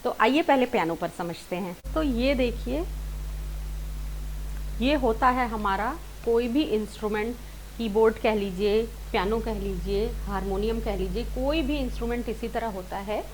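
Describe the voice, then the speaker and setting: A woman hosting a series teaches a singing lesson step by step, casually rephrasing and repeating points while mixing in English words. Her voice is a little high at a moderate pace, on a low-quality recording with slight hiss or hum.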